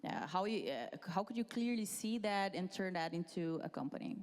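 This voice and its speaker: A woman moderating a conference fireside chat, asking questions with a hesitant, halting delivery. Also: mid-range voice, animated, big-room sound. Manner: hesitant, many fillers and restarts. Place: conference stage.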